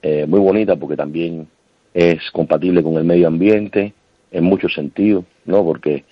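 A Cuban man in his thirties, a restaurant owner and singer, talking relaxed and chatty in a radio interview, with many restarts. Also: deep voice, moderate pace, no echo. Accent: Cuban Spanish. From Cuba. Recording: dull, lo-fi phone line.

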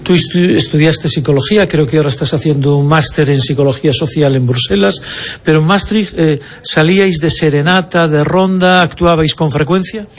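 A man's voice: a little high, brisk, slight background noise. A man from Spain interviewing a guest, friendly and joking as he asks his questions.

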